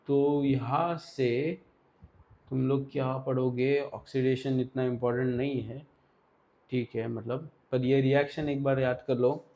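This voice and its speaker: Relaxed-voiced male tutor, casual. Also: medium pitch. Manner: casual, directive, Hindi-English mix, repeats "ठीक है". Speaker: teacher. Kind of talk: exam revision lesson.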